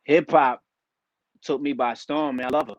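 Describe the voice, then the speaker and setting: A man's voice: mid-range voice, fairly even intonation, moderate pace, no room sound, lo-fi sound. A man from Liberia, a rapper, talking in a laid-back, conversational way as an interview guest. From Liberia, West Africa. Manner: laid-back, conversational, says "you know what I mean" a lot. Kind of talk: casual interview talk.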